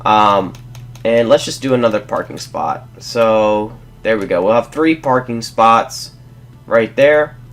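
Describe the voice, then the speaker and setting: A young male Let's Play host, stuffy and congested from a cold, talks through a casual building tutorial in a lowish, unhurried voice with a fairly bright tone. He rambles, corrects himself, and apologizes along the way.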